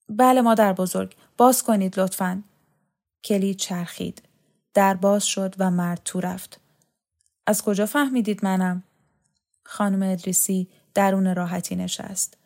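Flat, gravelly woman narrating a story. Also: mid-range voice. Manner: calm, measured reading with brief acted dialogue. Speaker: audiobook narrator. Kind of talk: scripted literary narration.

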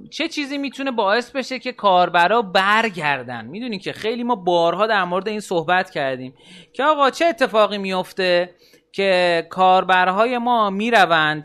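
Upbeat male podcast host with a high, clear, bright voice, speaking directly to listeners. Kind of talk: casual podcast chat.

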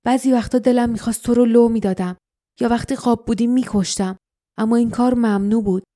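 A treacherous shape-shifter who serves a dark lord, sneering and menacing, voiced by a woman. The tone is a little high but mellow. It is a storybook reading. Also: steady tone, close to an everyday voice.

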